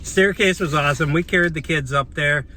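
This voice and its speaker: A man's voice: on the high side, brisk, sharp tone. A man chatting casually as a travel vlogger, rambling with many fillers and restarts. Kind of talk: casual vlog chat. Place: outdoors on town streets. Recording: outdoor street noise with passing cars.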